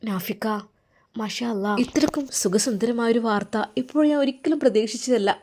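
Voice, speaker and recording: A woman's voice: a little high, brisk, darkish tone, voice pushed up, natural voice. A woman voicing a loving young wife who speaks with emotional, pleading tenderness. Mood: tearful joy.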